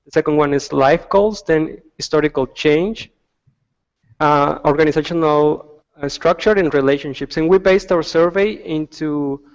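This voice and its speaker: A man explains design research in a halting way, often restarting his words. His voice sits a little high. The recording is dull and lo-fi with a long reverb behind him. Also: smooth. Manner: halting, many restarts and fillers. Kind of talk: presentation on a video call.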